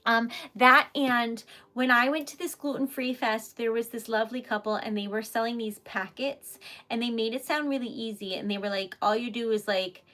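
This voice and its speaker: A woman's voice: on the high side, steady tone, moderate pace, sharp tone. A woman with a Rhode Island accent chatting casually and animatedly as she hosts a livestream, rambling and giggly. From Rhode Island, United States. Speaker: livestream host, independent artist.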